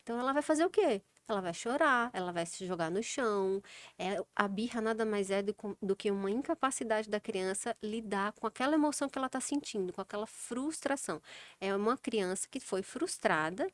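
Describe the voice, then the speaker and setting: A woman's voice: mid-range voice, a little fast, no room sound. A woman with a Brazilian accent, a child sleep specialist, explaining in a practical way and acting out everyday scenes with children. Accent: Brazilian Portuguese. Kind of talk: casual interview talk.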